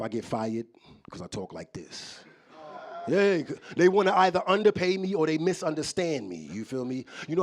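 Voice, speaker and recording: A man's voice: mid-range voice, slight background noise. A man from New performing a live stand-up set, talking loosely and straight to the crowd. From New York. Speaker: stand-up comedian. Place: live comedy show in an office building.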